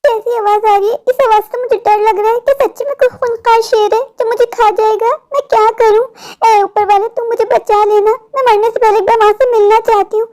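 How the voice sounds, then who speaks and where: A woman's voice: extremely high pitch, fairly even intonation, a little fast, dark tone. A woman voicing a determined little girl who earnestly searches for her mother and keeps talking to herself, in a cartoon story. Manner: earnest, pleading, talks to herself.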